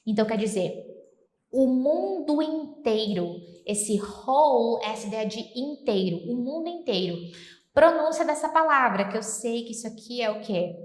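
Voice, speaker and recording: A Brazilian woman teaches English in a bright, animated and playful way, slowing down to give careful English examples. Her voice sits a little high. The room around her is echoey. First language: Portuguese. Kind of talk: lively bilingual English lesson.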